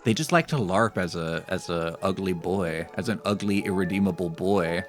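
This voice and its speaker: A man's voice: deep voice, moderate pace. A man chatting casually and rambling as he streams a game. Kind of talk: casual chat while gaming. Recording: music behind the voice.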